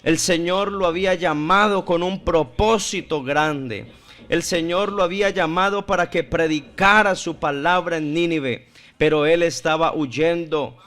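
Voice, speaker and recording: Guy preaching a sermon, kinda high voice, takes it slow and stretches words out. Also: fairly bright tone. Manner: slow, deliberate preaching with drawn-out emphasis.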